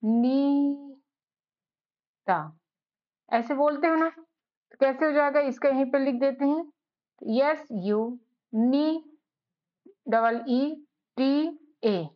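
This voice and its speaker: A woman's voice: high-pitched, highs cut off. A woman teaching beginners English, patiently spelling letters out and often checking that her students follow. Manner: patient, repeats and checks with "ठीक है?"; spells letters out slowly, one by one.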